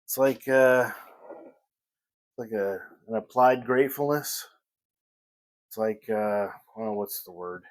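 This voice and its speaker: A man vlogging a casual morning chat at home, rambling and pausing to search for the right word. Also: on the low side. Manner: rambling, pauses to search for words.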